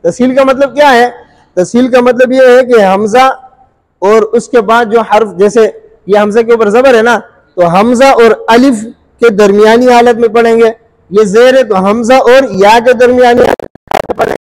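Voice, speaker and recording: A man teaching Quran recitation rules, repeating each point and asking the listener rhetorical questions, sometimes drawing out sounds slowly to demonstrate. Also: very high voice, steady tone, rough recording. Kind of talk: Urdu tajweed lesson.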